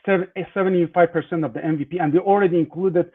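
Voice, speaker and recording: A man practicing a sales pitch as a startup founder, informal and rambling, with constant filler words like "like" and "just". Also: steady tone, quick pace, breathy edge. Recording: narrow phone-like call audio.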